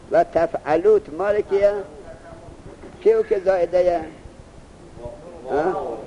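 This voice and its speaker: A male teacher giving a classroom lesson, asking students quick questions and then reciting the answers himself. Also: on the high side, warm tone, poor audio.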